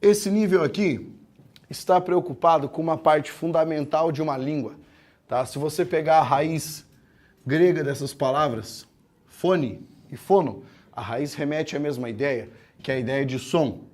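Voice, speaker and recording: A man teaching a grammar lesson, explaining step by step, asking the class questions, and slowing down to break words into syllables. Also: on the high side, darkish tone. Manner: slows down to spell out words syllable by syllable. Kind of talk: classroom lecture.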